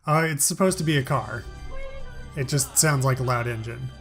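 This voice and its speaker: Male gaming host, thirties, mid-pitched, playful and explanatory, casual commentary over music. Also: moderate pace. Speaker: host of a family gaming show.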